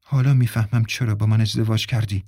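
A man's voice: on the low side, steady tone, darkish tone, husky, dry recording, studio quality. A man voicing an angry young wife who throws accusing questions.

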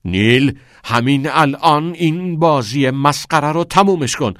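A man voicing a stern middle-aged father who shouts angry, scolding reproaches. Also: sits low, no echo, clean studio sound, pitched below the performer's own voice. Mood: furious.

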